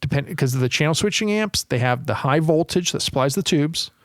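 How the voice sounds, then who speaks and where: A man's voice: on the high side, lively intonation, brisk, no echo, studio quality. A man who repairs guitar amplifiers, chatting as a podcast guest, explaining technical details with lots of fillers and restarts. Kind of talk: casual technical chat.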